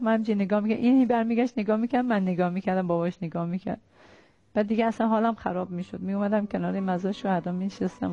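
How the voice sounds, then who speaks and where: Middle-aged mother telling a grief story; mellow dark tone, muffled lo-fi sound with faint music underneath. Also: medium pitch. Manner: tearful, earnest storytelling with quoted dialogue. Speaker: mother of a fallen soldier. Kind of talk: emotional personal recollection.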